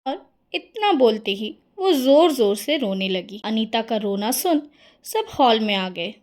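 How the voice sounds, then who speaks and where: A woman's voice: fairly high pitch, animated, takes it slowly, darkish tone. A woman narrating a cartoon story in a friendly storytelling manner.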